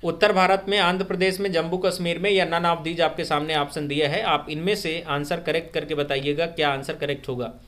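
A man teaching a live online grammar quiz, repeating each question and urging viewers to comment their answers fast. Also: on the high side, level tone, fairly bright tone. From India. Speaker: online exam-prep teacher. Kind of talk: live-stream Hindi grammar quiz lesson.

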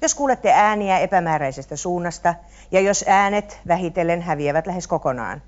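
A woman's voice: on the low side, expressive, a little mellow. A female co-host reading mock-formal scripted lines with dry wit. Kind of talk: scripted TV hosting. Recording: dull 1970s TV audio.

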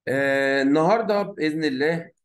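A man's voice: fairly high pitch, low-quality recording. A man with an Egyptian Arabic accent teaches an English grammar lesson, switching between Arabic and English and quizzing his students with rhetorical prompts. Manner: stretches out English words slowly when modeling them.

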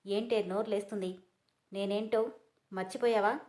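A woman's voice: medium pitch, fairly even intonation, normal speed, darkish tone, lightly acted. A woman reading a story aloud, voicing a proud, hurt young woman who answers back defiantly and through tears. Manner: defiant, tearful.

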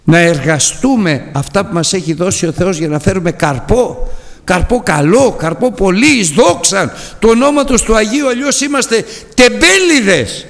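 Impassioned high-voiced male preacher. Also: animated, creaky, big-room sound. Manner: impassioned, exhorting with repeated appeals. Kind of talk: sermon. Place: church.

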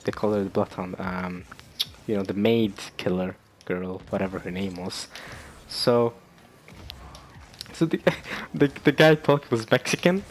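A man's voice: on the low side, measured pace, a little hiss or hum. A young man vlogging in a casual, rambling way, with many fillers and restarts, often breaking into laughter. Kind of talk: casual chat.

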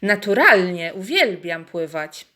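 A woman voicing a calm, courteous male grass snake in a children's storybook. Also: lowish voice, slow, exaggerated voice. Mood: friendly. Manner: polite and reassuring.

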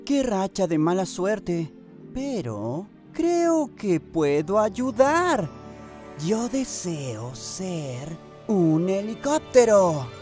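A woman dubs a cheerful, eager young boy train engine in a children's cartoon, speaking with a Latin American accent and clear, expressive delivery. Her mid-range voice moves extremely slowly and sounds determined. Faint music plays behind her.

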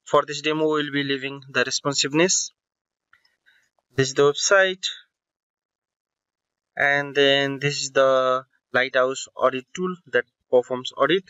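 A man's voice: mid-range voice, steady tone, unhurried, pauses often, bright, forceful tone, clear, resonant tone, dry recording, muffled recording. A man narrating a screen-recording tech tutorial, explaining step by step with fillers and self-corrections.

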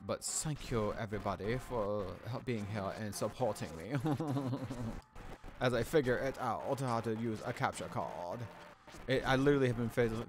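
A man streaming a video game from home in casual let's-play commentary, playful and animated, reading game text aloud and humming along. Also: lowish voice, noisy background.

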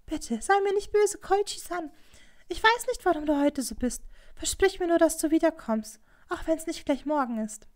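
Woman doing a cruel young geisha, shrill and high, scornful, swooping pitch, audiobook. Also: lively intonation, normal speed. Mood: pleading. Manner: pleading and shrill, then cutting and scornful.

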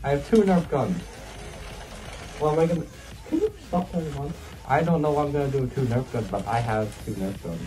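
A man's voice: medium pitch, lively intonation, fairly quick, heavy background noise. A young man vlogging in a fursuit, talking from inside the costume head in a rambling, hesitant, goofy way. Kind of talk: casual vlog chat. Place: bedroom indoors.

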